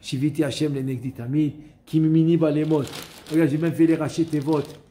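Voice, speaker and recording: A man giving a Torah class, lively and questioning, repeating key phrases and chanting verses slowly. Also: on the high side, slight background noise. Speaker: rabbi teaching a Torah class. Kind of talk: Torah lesson with storytelling.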